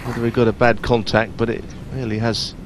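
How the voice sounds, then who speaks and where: A man giving hushed live snooker commentary in measured, analytical asides between shots. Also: mid-range voice, little pitch movement. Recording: noisy arena with audience behind. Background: audience and hall noise.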